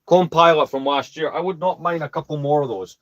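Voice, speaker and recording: A man from the UK with a British accent, hosting a casual livestream in a calm, soothing voice and a rambling, chatty, self-deprecating manner. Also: fairly high pitch, brisk, highs cut off. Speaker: host.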